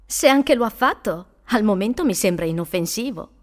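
A woman voicing a cheerful young woman who speaks in a brisk, reassuring way. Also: mid-range voice, animated, natural voice.

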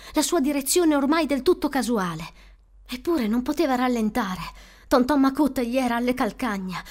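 A woman narrating a suspenseful audiobook with expressive, storytelling delivery. Her voice sits fairly high for a woman. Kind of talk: scripted narration.

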